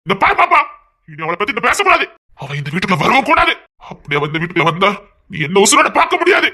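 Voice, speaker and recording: A man's voice: sits high, wildly swooping pitch, fast, bright, forceful tone, full character voice. A man with a Tirunelveli accent playing a harsh, hot-tempered young man who gives commands and threats. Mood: stern, angry. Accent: Tirunelveli Tamil. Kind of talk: comedy skit drama.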